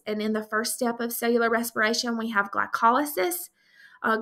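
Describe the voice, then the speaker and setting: A woman's voice: fairly high pitch, bright, forceful tone. A woman teaching science, explaining a review lesson to her students in an upbeat, direct way.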